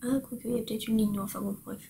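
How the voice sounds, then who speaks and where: A woman's voice: a little high, steady tone, rapid-fire, creaky, mellow, slight background noise, poor audio. A woman hosting a crafting podcast, chatting casually and cheerfully while showing her work, with frequent hesitations and fillers. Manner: cheerful and self-mocking. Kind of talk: casual show-and-tell chat.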